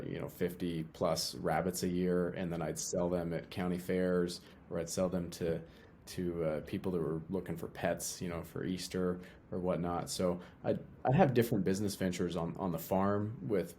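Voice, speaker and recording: A young man from Utah talks casually as an interview guest, with a low and mellow voice. He often goes back over his words and restarts phrases. A faint hiss of noise sits behind him.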